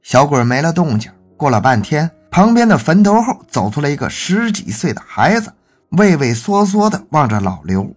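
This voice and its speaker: A man narrating a folk ghost tale in a folksy, animated storytelling manner. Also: fairly high pitch, moderate pace, soft background music.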